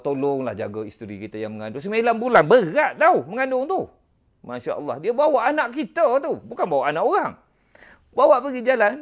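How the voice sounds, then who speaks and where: A middle-aged man with a Malaysian Malay accent delivers a religious talk through personal storytelling. His voice sits a little high for a man. He talks animatedly, breaks into exclamations, and turns to the audience often. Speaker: preacher.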